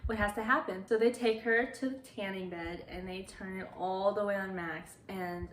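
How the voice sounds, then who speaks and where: A woman's voice: mid-range voice, fairly even intonation, normal speed, a little hiss or hum. A young adult woman recapping a movie in a casual, chatty way, with lots of "like" fillers. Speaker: YouTuber. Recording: roomy echo.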